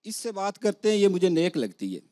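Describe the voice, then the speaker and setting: A man's voice: high voice, very animated, fairly quick. A man reciting humorous rhyming verse on a comedy show, with a rhythmic delivery built around the punchlines. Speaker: comic poet guest. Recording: loud studio audience and noise.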